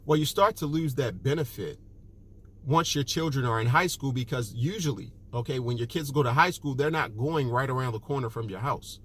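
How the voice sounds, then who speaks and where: A man's voice: medium pitch, a little fast, fairly bright tone, slightly rough. A man, a personal finance author, giving direct advice to the camera, emphatic and repeating his key points with frequent "okay" and "look".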